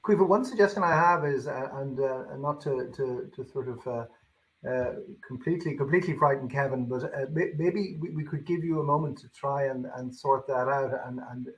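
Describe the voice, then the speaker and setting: Husky man hosting. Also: mid-range voice, moderate pace, muffled recording. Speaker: event host, moderator. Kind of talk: formal scripted introduction and moderating.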